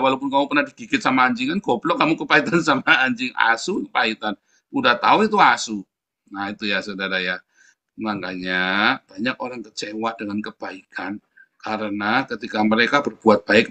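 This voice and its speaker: A man's voice: mid-range voice, pushed and bright. A man giving combative, mocking commentary in a preachy style, often turning to his listeners with a tag question. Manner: mocking, combative, keeps saying "saudara".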